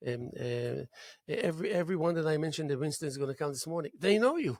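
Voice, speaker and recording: A man hosting a local talk show, warm in his words but halting, with many restarts. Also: fairly high pitch, lively intonation, no echo, studio quality. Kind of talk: interview.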